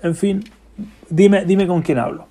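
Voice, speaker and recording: A man's voice: high voice, slow, warm tone. A man voicing a weary older male bus driver who sounds tired and resigned. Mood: weary resolve.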